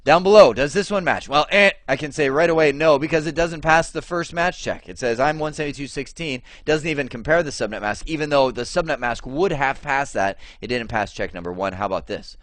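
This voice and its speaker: A man teaching networking over slides in a chatty, lively way, often asking the viewer questions. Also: medium pitch, a little fast, hardly any pauses, dry recording. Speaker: networking instructor.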